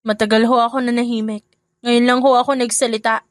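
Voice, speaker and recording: A young stepdaughter in a narrated audio drama, steady and respectful yet firm, as a woman voices her. The tone sits slightly high and sounds close to the mic with a dry finish. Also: brisk, dry recording, close to an everyday voice. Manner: calm, polite and firm. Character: young stepdaughter, calm, polite, newly brave.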